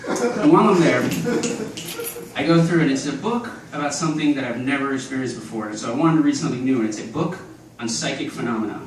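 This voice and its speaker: A man doing a stand-up comedy set, delivering deadpan one-liners and chuckling at his own jokes. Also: medium pitch, fast. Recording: echoey club audio from a distance. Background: audience laughter and room noise.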